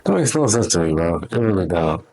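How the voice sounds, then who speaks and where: Low, gravelly laid-back podcast guy. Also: sing-song, fairly quick, warm tone, slight background noise. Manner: laid-back, reacts with short agreeing remarks. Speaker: podcast co-host. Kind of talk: casual chat.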